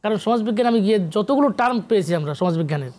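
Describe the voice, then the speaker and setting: This Bangladeshi professor and literary researcher speaks very fast in a high, slightly mellow voice with lively intonation. As a guest in a spirited TV interview, he lectures emphatically and sprinkles in English academic vocabulary.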